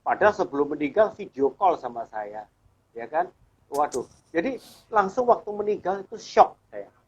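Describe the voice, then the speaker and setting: Husky man telling his testimony. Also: a little high, big pitch swings, normal speed. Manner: earnest storyteller who acts out remembered dialogue. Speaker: church elder, guest speaker. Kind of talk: personal testimony in conversation. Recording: dull lo-fi sound.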